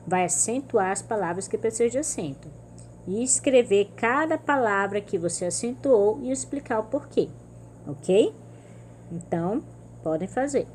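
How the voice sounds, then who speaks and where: A woman's voice: mid-range voice, darkish tone. Brazilian woman, primary teacher, mid-range voice, patient step-by-step explaining, slight background hiss. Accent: Brazilian Portuguese. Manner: patient, explains step by step, stresses syllables in example words. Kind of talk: remote classroom lesson.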